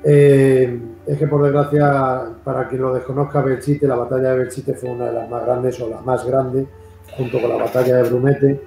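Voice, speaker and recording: Speaking at normal speed with a warm, creaky, medium-pitched voice and little pitch movement, an interview host from Madrid rambles on and repeats himself in casual chat. His accent is Castilian Spanish, soft music plays in the background, and the room echoes.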